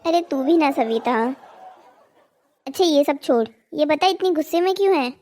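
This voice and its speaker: A woman's voice: high voice, expressive, moderate pace, dark tone, a faint crowd, slight background noise. A woman voicing Rekha, a boastful rich wife. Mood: teasing. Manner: teasing, condescending. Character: wealthy, boastful village wife. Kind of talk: cartoon drama voicing.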